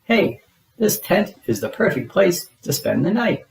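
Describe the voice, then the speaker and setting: A man's voice: sits high, sing-song, a little slow, gravelly, pitched above the performer's own voice, full character voice, rough recording. A man voicing a cheerful, chatty, childlike furry bear cub in a storybook.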